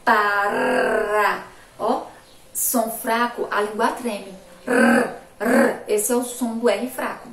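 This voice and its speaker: Slow, emphatic woman teacher in echoey room. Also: on the high side, steady tone. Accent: Brazilian Portuguese, Sergipe. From Brazil. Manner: slow, emphatic, repeats sounds and words for children. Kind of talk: remote school phonics lesson. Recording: echoey room, distant mic, faint noise.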